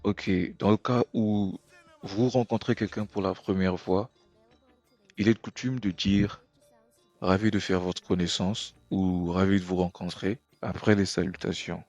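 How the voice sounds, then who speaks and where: A man's voice: sits low, steady tone, a little slow, darkish tone, no room sound, muffled recording, soft background music. A man teaching English pronunciation and greetings in a patient, explanatory way, often checking in with "ok?". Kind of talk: explanatory language lesson.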